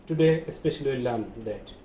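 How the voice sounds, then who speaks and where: A male English grammar teacher with a Bangladeshi accent, whose first language is Bengali, gives an instructional online class, repeating key terms and checking understanding. His medium-pitched voice is expressive, fast, and dark in tone. The echoey room, distant mic, and faint noise shape the recording.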